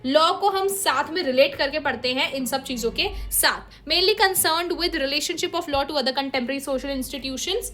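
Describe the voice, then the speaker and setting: High-pitched woman teaching law, goes over each point again and again. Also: pushed and bright. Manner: explains by repeating points, reads English notes slowly. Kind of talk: lecture in mixed Hindi and English.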